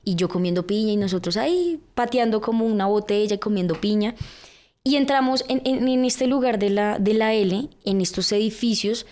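A young woman with a Colombian accent, a podcast guest telling her life story in a lively way, with lots of fillers and acted-out quotes. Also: medium pitch, normal speed. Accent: Colombian Spanish. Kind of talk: personal storytelling in a podcast interview.

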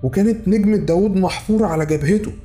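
Egyptian guy telling a scary story quick and frantic, keeps repeating lines, dark voice. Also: sits high. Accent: Egyptian Arabic. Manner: frantic, urgent, repeats himself. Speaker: horror storyteller. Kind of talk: dramatic first-person horror narration.

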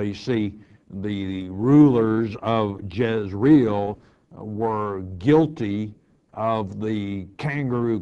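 A man's voice: fairly low pitch, darkish tone, lo-fi sound. A male pastor teaching verse by verse, reading scripture aloud and then explaining it in plain words.

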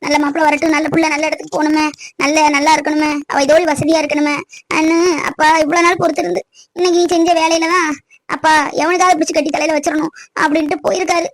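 ஒரு பெண் நடிக்கும் கவலையான கிராமத்து அம்மா. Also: female voice, sits high, flat delivery, fast, close to an everyday voice. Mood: tearful pleading. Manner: pleading, anxious, tearful. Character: worried, tearful village mother, middle-aged. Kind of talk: cartoon voice acting.

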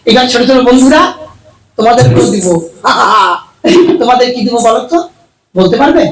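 A man puppeteer doing cheeky, rapid-fire comic patter for a live puppet show audience. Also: extremely high pitch, expressive. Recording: roomy, distant with music.

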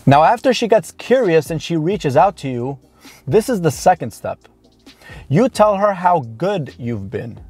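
A dating coach about thirty years old gives direct-to-camera advice from inside a parked car, blunt and informal, stretching out words he wants to stress. His voice is a little high, very animated, darkish and slightly rough; the recording is dry, with background music.

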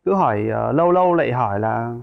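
A man, a guest on a couples' talk show, speaking haltingly and often repeating his words. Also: medium pitch, lively intonation, vocal fry, narrow, tinny audio, a little hiss or hum. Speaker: guest husband. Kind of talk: casual chat.

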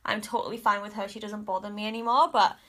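Her delivery is flat and quick, the mid-range voice sharp in tone and congested. This thirties Australian beauty vlogger chats frankly through a makeup review at her home bedroom vanity with mirror lights, frequently hedging with "like" and "kind of."

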